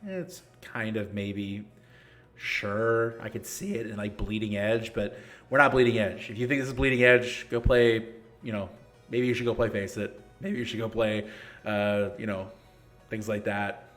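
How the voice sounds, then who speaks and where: A man's voice: lowish voice, a little slow, a bit bright, soft background music. A man in his thirties hosting a casual live-stream Q&A for a gaming league, answering chat questions in a blunt, joking, sarcastic way. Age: 30s.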